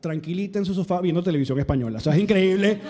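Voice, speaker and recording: A man's voice: sits high, very fast, warm tone. A Venezuelan man co-hosting a casual podcast chat, rambling through stories and laughing a lot. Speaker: podcast co-host. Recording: echoey room reverb.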